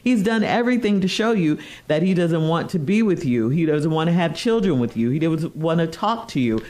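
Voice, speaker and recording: A woman co-hosting morning radio in DJ style, reading listener letters in a measured, clearly phrased way. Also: low-pitched, expressive, a little mellow.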